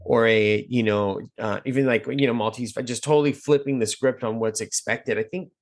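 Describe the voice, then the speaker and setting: A man at a middle pitch talks loosely in casual podcast chat, rambling from one thought to the next and dropping the odd curse. He is recorded in a car. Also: steady tone, normal speed. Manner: chatty, rambling, swears casually. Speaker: podcast host.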